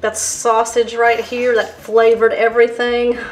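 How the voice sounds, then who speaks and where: Her voice sits on the high side, monotone and a little slow, as this cooking channel host takes viewers through a dish step by step in her home kitchen, savoring every taste. Faint music fills the roomy space while the shot frames her hands and countertop.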